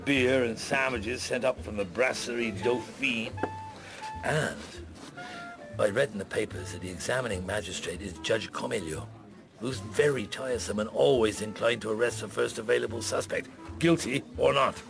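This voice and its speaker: Give this male actor's police inspector a gravelly, mid-pitched voice. He is shrewd and wry, hesitating as he feigns idleness, in a radio play with music underneath. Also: moderate pace, lightly acted. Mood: musing, wry. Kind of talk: radio drama acting.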